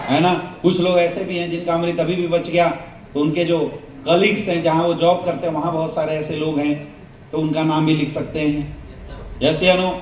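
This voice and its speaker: High-voiced man leading a seminar. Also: a little mellow, slight background noise. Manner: call-and-response questions to the crowd. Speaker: sales trainer. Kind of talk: motivational seminar talk to an audience. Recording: echoey hall, mic from a distance.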